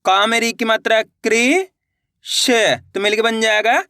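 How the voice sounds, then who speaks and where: High bright-voiced male reading teacher. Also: steady tone, clear, resonant tone, no echo, clean studio sound. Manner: slow, drawn-out syllable drilling, repeating questions. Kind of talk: online reading lesson.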